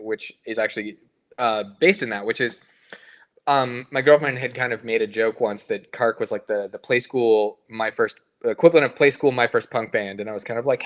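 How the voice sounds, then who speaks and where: A man's voice: medium pitch, fairly bright tone. Male band member, mid-range voice, rambling casual podcast chat. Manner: rambling, hedging, full of fillers and restarts.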